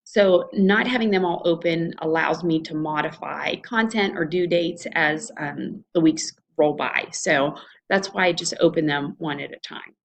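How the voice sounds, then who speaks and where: Low-pitched and a bit slow, this woman's voice comes with slight background noise. A college instructor with an Ohio Valley American accent, she guides students through an online course in an informal, conversational screencast, explaining as she goes.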